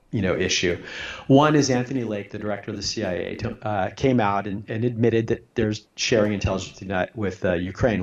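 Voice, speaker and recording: With a lowish voice on lo-fi audio, a middle-aged man who once served in army intelligence speaks as a radio guest about politics. He is earnest but stop-start, repeating words while he thinks and frequently starting sentences over.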